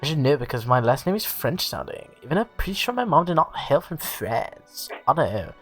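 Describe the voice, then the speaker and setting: A man voicing a bubbly teenage girl in a Valley Girl voice, reading a webcomic aloud in character with sing-song, drawn-out calling. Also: mid-range voice, sing-song, fairly bright tone, soft background music.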